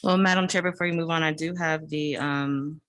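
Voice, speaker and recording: A woman board member reads aloud at a public meeting. Her voice is muffled, as if it comes through a wall, with parts of the recording sounding a little distant. Her pitch stays level and flat throughout. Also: moderate pace. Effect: muffled, as if heard through a wall.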